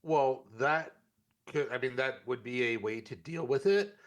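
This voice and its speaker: An American man chatting casually in a discussion, with a measured, halting conversational delivery. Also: medium pitch.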